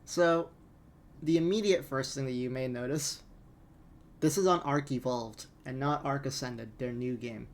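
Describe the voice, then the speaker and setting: A man's voice: mid-range voice, a little slow, a little hiss or hum. A man giving a casual, exasperated rant as gaming commentary, incredulous and prone to swearing.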